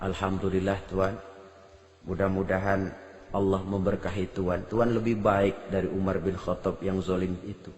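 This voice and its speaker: A poor, worn-down mother, as a male preacher voices her pleads softly. Her quiet voice echoes through a long reverberant hall. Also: sits high, moderate pace, natural voice. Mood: grateful.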